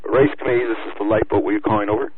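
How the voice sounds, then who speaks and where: A man's voice: lowish voice, fairly even intonation, racing. A man calling over a marine radio as a light boat operator, in clipped radio procedure that ends with "over". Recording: tinny two-way radio line.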